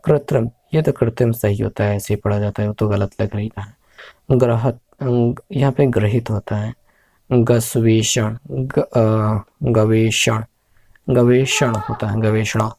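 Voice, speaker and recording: Slow, gravelly male teacher. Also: fairly low pitch, steady tone, darkish tone, no echo. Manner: slow, repeats each word several times; hesitant, with filler "uh" sounds. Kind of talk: recorded spelling lesson.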